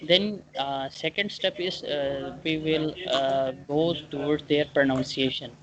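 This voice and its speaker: A Quran teacher giving a one-on-one online lesson, explaining and drilling pronunciation haltingly, repeating points and often checking understanding. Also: medium pitch, fairly even intonation, crowd noise. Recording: dull lo-fi online call, clear background noise.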